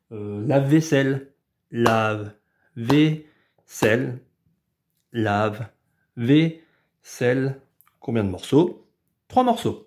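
A male preschool teacher recording a lesson for parents at home, with a mid-range voice. He explains patiently and step by step, now and then drawing words out slowly to show how it's done. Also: mid-range voice, mellow. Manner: patient, explanatory, drawn-out syllables when demonstrating. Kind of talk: instructional video for parents.

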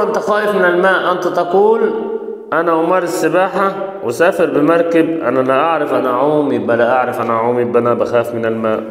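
A man with an Egyptian Arabic accent, a French teacher going through textbook exercises. He reads each choice and then drops his voice low to give the answer. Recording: echoey room with long reverb.

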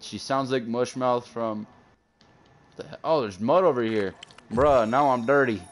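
A man's voice: medium pitch, a little slow. A man streaming a game, chatting casually with a friend, joking crude and laughing often. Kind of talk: casual gaming chat.

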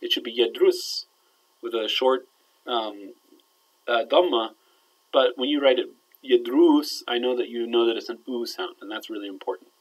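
A man's voice: mid-range voice, fairly even intonation, a little fast, poor audio. Man teaching grammar in a recorded lecture. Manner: explanatory, checks in with "all right?", trails off quietly at ends of phrases. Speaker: Arabic teacher.

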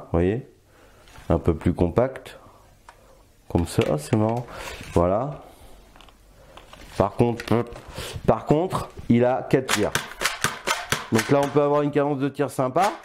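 A man's voice: lowish voice, warm tone, a little hiss or hum. An older man reviewing a toy blaster in casual, playful chat, often stopping to hesitate. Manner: chatty and playful, with many hesitations.

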